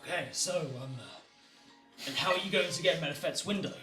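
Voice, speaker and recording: A man with a higher-than-usual voice narrates a tabletop role-playing game as its game master. He speaks loosely, swears casually and stalls on fillers as he describes each scene. He sits some way from the mic in a roomy space, with music playing in the background. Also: a little fast, distant mic.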